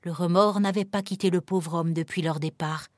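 A woman narrating a fairy tale in a calm, measured reading with dramatic pauses. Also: lowish voice, dry recording, clean studio sound. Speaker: storyteller.

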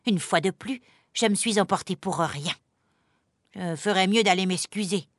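High excitable storybook rabbit man voiced by a woman, fussy and anxious, scolding, dry close sound. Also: normal speed, no room sound, close to an everyday voice. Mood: sheepish. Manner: high-strung, exclaiming, scolding. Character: fussy, irritable male rabbit, tidy and anxious.

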